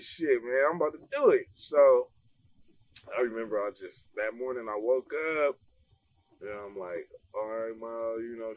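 A young man telling a casual story among friends, animated and laughing, full of slang and swearing. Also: medium pitch.

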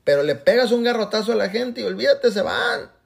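High-voiced man giving a motivational talk. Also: fairly quick, vocal fry. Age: 40s. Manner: animated, acts out quoted voices, blesses listeners. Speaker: motivational business speaker. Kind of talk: motivational talk on a video call. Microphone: video call.

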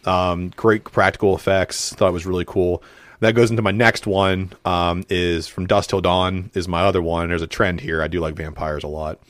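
A man's voice: sits low, level tone, normal speed, no room sound. A man hosting a casual podcast chat, talking animatedly with frequent fillers and laughs. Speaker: podcast host.

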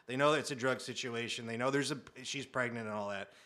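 A man in his thirties telling a comic story in a casual chat, animated and acting out quotes, with muttered asides. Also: mid-range voice, brisk. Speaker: guest storyteller.

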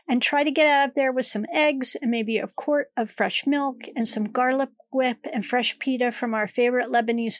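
This is a casual solo monologue from a middle-aged woman who hosts her own podcast; she's congested and chats in a rambling, personal way. Her voice is on the high side, recorded cleanly in a studio without room sound.

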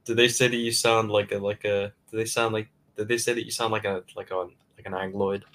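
A man with a fairly low voice joins a casual livestream chat as a guest over a video call. He speaks with dry, teasing humor. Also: level tone, a little fast, a bit bright.

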